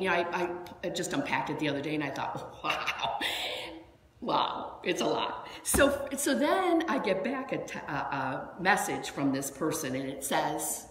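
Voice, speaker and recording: A woman minister preaching from the pulpit in a chatty, storytelling way, her voice a little low for a woman. The sound is roomy, with a long hall reverb and a faint hum of ambience behind her. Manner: chatty, animated storytelling with asides. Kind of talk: sermon. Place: church sanctuary.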